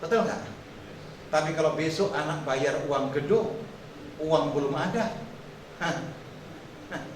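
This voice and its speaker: A man's voice: fairly high pitch, unhurried. A man preaching a sermon, joking and questioning the congregation as their pastor. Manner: joking, asks the congregation questions, lively delivery. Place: church hall. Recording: echoey hall, heard from far off, noisy.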